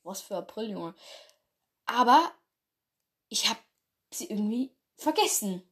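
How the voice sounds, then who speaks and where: A woman with a medium-pitched, lively voice speaks unhurriedly from her bedroom. As host of a fan clan roleplay channel, she rambles and giggles, laughing at her own mistakes in a self-deprecating way.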